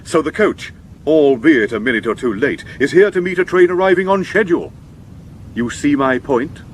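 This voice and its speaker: A man playing a calm, measured suspect who answers accusations with careful reasoning in a 1970s radio drama. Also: fairly high pitch, slight background noise, lightly acted. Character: smooth, calm suspect with a sword cane.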